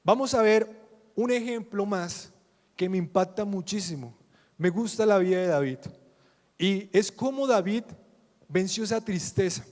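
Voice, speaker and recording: A man's voice: high voice, measured pace, darkish tone, long reverb tail. A male pastor with a Colombian Spanish accent preaching a sermon, putting questions to the congregation and answering them himself.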